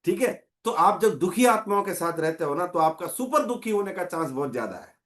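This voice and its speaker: A man giving a motivational training talk, an animated storyteller who swings his pitch up and down. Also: brisk. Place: training hall.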